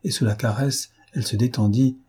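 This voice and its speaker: A man narrating a novel as an audiobook in a measured, expressive way. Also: mid-range voice, breathy edge. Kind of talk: novel reading.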